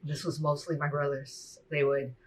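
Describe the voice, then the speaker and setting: A woman sharing a personal faith testimony in a soft-spoken, reflective way, often saying "you know" and "like.". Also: low-pitched, level tone, normal speed, poor audio.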